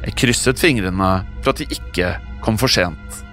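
Low-voiced man narrating a horror tale. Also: a bit bright, faint music behind. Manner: measured, suspenseful first-person telling. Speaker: podcast narrator.

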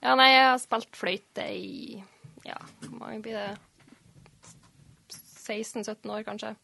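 A woman's voice: fairly high pitch, steady tone, gravelly, bright, forceful tone. A woman in her twenties with a North Norwegian accent, chatting casually as an interview guest. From Mo i Rana, northern Norway. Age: 20s. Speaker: interview guest, local journalist.

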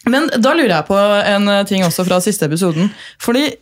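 A woman with a Norwegian accent hosting a casual podcast chat, gushing and excitable, swearing often. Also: mid-range voice. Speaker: podcast host.

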